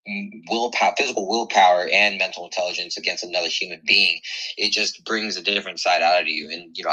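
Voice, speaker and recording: A man's voice: deep voice, sharp tone, low-quality recording. A young man, a founder and mixed martial artist, giving long rambling answers as a podcast guest with lots of "you know"s. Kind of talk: casual podcast interview answer.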